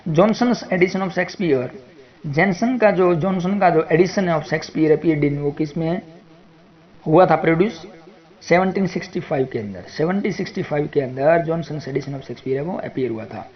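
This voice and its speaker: A male tutor with an Indian accent steps through literature exam questions one at a time. He reads each question out slowly in English, then rattles off a fast explanation in Hindi. His voice sits a little high, and the recording sounds dull and lo-fi. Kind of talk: exam prep lecture.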